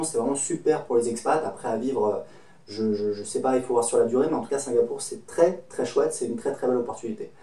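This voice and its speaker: A chatty man from France in his thirties, talking casually to camera with a warm, mellow tone. His voice carries the echo of a bare room, picked up by a mic set some distance away. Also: medium pitch. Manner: chatty, friendly, speaks from personal experience. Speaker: host giving travel advice. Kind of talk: casual advice talk to camera.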